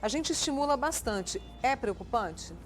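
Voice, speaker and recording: A woman's voice: fairly high pitch, expressive, normal speed, slight background noise. A Brazilian woman hosting a TV morning show, interviewing a guest and reading out viewers' questions. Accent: Brazilian Portuguese. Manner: friendly, reads viewer questions aloud. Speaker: TV show host.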